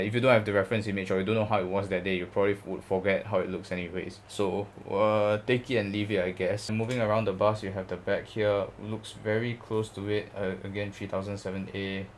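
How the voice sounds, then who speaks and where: Casting: male vlogger, Singaporean accent, lowish pitch, informal and rambling chat, noisy recording. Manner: rambling, informal, ends phrases with "lah". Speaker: video host, model bus collector. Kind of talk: casual chatty review vlog. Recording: clear background noise.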